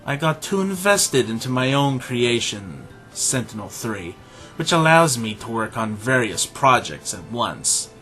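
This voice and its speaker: The scripted drama's arrogant animal scientist and father, middle-aged and condescending, comes across as detached and proud. The man playing him speaks pompously and deliberately in a medium-pitched, sing-song, slightly bright voice over soft background music.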